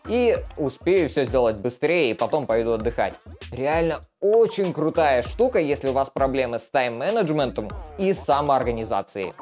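Young male tech reviewer, lively swinging intonation, casual delivery, music underneath. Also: medium pitch, moderate pace. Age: young adult. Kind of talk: casual gadget review to camera. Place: small furnished room indoors. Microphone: clip-on lapel mic.

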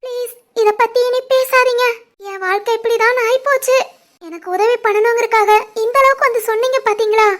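A soft, resigned cartoon bride. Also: female voice, very high voice, fairly even intonation, fairly quick.

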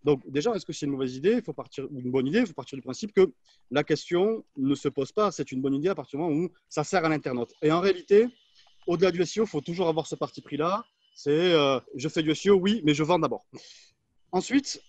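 A man's voice: on the high side, lively intonation, fast talker, a little mellow, dry recording. A man on a webinar panel giving expert advice in an assertive, structured way over a video call. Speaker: agency manager, panelist.

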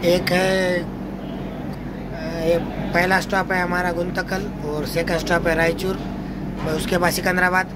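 Man, travel vlogger, flat steady delivery, loud station crowd, heavy background noise. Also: high-pitched, a little slow. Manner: addresses viewers as friends. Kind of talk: casual vlog narration. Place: railway station and train.

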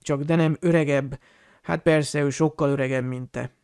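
A man's voice: fairly high pitch, steady tone, a little mellow, clear, resonant tone, dry recording, studio quality, close to an everyday voice. A man voicing a drunken, squalid middle-aged wizard who rambles, mutters and snarls with contempt. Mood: raging. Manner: slurred, muttering outbursts, spitting contempt.

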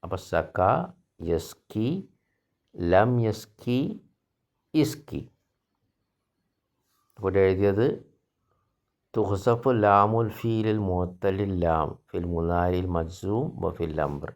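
A man teaches an Arabic grammar lesson in a deep, low voice with a gravelly edge. He speaks slowly, reading each Arabic phrase and then explaining it in his own language. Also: steady tone, darkish tone. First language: Malayalam.

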